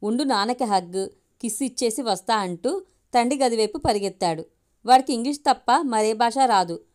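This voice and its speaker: A woman storyteller reading a family story aloud in a measured, expressive way. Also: a little high. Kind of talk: audiobook story narration.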